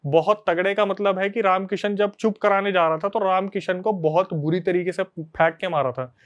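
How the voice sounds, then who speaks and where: Guy spinning a story on a podcast, smooth clear voice, bit higher pitched, chatty and animated. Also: moderate pace, dull audio. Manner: animated, conversational retelling to friends. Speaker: podcast host telling a story. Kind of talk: casual storytelling chat.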